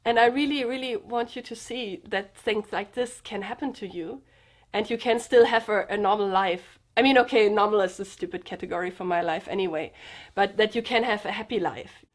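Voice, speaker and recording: A woman's voice: medium pitch, brisk. A young woman vlogger speaking earnestly and emotionally to her viewers, sharing a personal story and addressing them directly. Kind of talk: personal confessional vlog.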